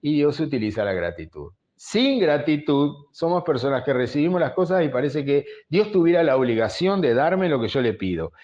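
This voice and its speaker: A man's voice: fairly high pitch, big pitch swings, moderate pace, hardly any pauses, a little mellow, muffled recording. A man, a pastor preaching conversationally and telling stories, often tagging phrases with a questioning aside. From Uruguay. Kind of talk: storytelling sermon.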